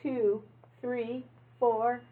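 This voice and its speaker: Speaking very slowly in a fairly high voice with little pitch movement, a woman reads a picture book aloud over tinny, narrow audio. Her approach is that of an early-childhood teacher: simple, instructive, and full of questions for young listeners.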